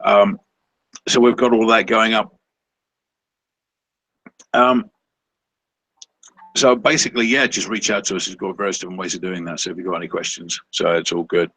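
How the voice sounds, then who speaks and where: A man co-hosting a casual online coaching call, talking in halting bursts full of ums and restarts. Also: deep voice, flat delivery, bright, forceful tone, dry recording, rough recording. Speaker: co-host of a seller coaching webinar.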